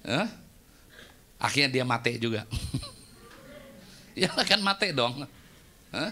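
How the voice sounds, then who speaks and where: A man's voice: medium pitch, expressive, takes it slowly, pushed and bright. A male pastor preaching a sermon in a casual, joking storytelling manner.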